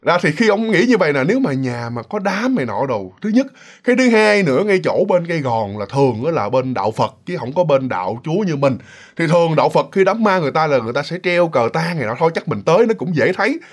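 A man's voice: fairly high pitch, big pitch swings, fast talker. Man; casual, rambling ghost-story narrator. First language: Vietnamese. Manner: chatty, many fillers and restarts.

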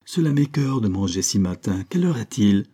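A man's voice: lowish voice, sing-song, normal speed, dark tone, slightly rough. A man voicing a cold, haughty middle-aged mother in an audiobook, curt, dry and commanding. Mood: peevish. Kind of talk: audiobook character reading.

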